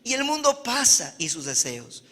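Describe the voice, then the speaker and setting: A man's voice: very high-pitched, big pitch swings, normal speed, sharp tone, long reverb tail. A man from Peru, a pastor, preaching a sermon and checking in with his congregation with frequent amens and questions. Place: church hall.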